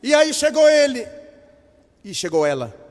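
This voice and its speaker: An older man giving a spiritist lecture, telling a story with lively acted-out dialogue. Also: very high-pitched, a little slow. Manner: lively storyteller, acts out voices in quotes. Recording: long hall reverb.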